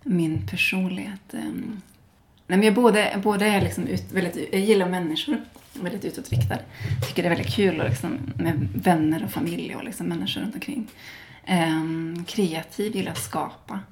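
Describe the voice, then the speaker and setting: A woman's voice: fairly low pitch, fairly even intonation. A woman from Sweden, a guest in a casual interview, talking at length with many fillers and restarts.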